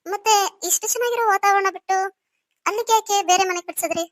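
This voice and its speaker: A woman's voice: extremely high pitch, fast talker, a bit bright, dry recording. A woman voicing a young orphaned wife in a cartoon story, pleading and full of questions. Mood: admiring.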